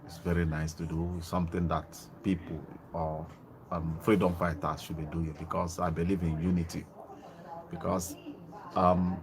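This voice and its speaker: Speaking into a phone's earphone mic outdoors in Germany, this man hosts casual livestream commentary for online TV. His voice is deep, the audio is poor, and his talk rambles with lots of ums and false starts.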